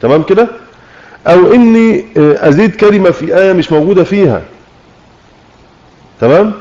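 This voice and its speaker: A man with an Egyptian accent teaching a religious lesson, explaining with questions to his listeners and slowing down to demonstrate recitation. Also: high-pitched, animated, warm tone. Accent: Egyptian Arabic. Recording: muffled lo-fi online audio room.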